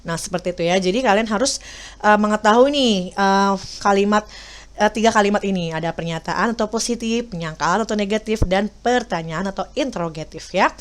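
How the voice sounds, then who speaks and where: An Indonesian woman teaches English to young students, speaking with her Indonesian accent. She explains patiently, repeats key words slowly and fills pauses with small fillers. Her voice sits at an ordinary middle pitch. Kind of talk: classroom video lesson.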